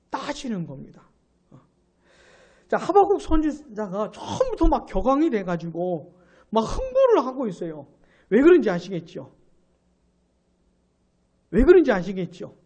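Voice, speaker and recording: A pastor teaching scripture in an animated sermon. His voice swings up and down and jumps louder on key words, and he keeps repeating himself and asking the listeners whether they follow. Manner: animated, repeats phrases, asks listeners rhetorical checks; stresses words with sudden rises in pitch and loudness. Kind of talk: Bible exposition sermon.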